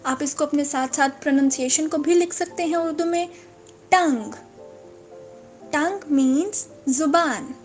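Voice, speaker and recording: Female teacher, high voice, unhurried word-by-word drilling, light music bed. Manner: drills each word slowly, correcting mispronunciations. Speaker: English vocabulary teacher. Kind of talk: slow, repetitive vocabulary lesson.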